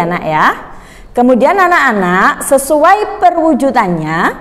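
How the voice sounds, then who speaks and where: A woman primary teacher speaks in a slightly high voice. She explains slowly to children, prompting them with questions. The recording rings with long reverb.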